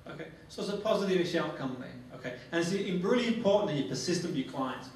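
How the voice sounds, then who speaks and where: A man's voice: a little high, expressive, very fast, creaky. A man leading a training demonstration in guided relaxation, instructive and repeating his phrases. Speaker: phobia therapy trainer. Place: echoey training room with a group. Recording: very echoey, distant mic, faint noise.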